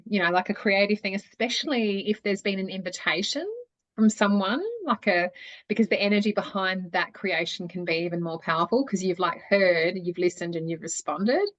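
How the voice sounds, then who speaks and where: A woman's voice: medium pitch, steady tone, moderate pace. A woman yoga teacher trainer talking in a group video call, rambling and encouraging with lots of fillers, over a muffled bad connection. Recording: dull lo-fi video call audio.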